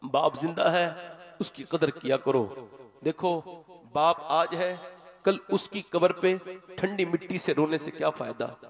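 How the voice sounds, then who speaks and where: A male Islamic preacher delivers an impassioned sermon to a gathered audience, his voice sitting a little high. He moves from ringing cries to near-whispered pleading as he acts out the people in his stories. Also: measured pace, vocal fry. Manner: dramatic, swings from loud cries to hushed pleading. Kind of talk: emotional sermon storytelling. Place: live religious gathering with an audience.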